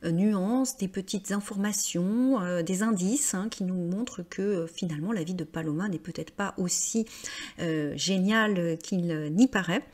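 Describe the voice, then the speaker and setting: A woman teaching French grammar, explaining slowly with frequent hesitations and fillers. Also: lowish voice, darkish tone. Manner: slow, hesitant, many fillers.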